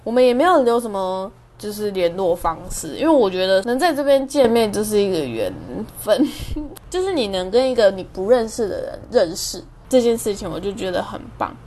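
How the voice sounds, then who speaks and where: A woman's voice: mid-range voice, animated, brisk, hardly any pauses, darkish tone. A young woman, hosting a podcast and telling a story in a chatty, self-amused way. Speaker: podcast host. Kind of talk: casual storytelling monologue.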